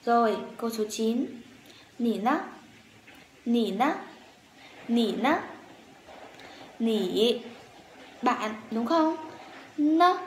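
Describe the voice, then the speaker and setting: A woman teaching a language lesson, saying words slowly and repeating them several times for learners to copy. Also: a little high, roomy sound, slight background noise. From Vietnam.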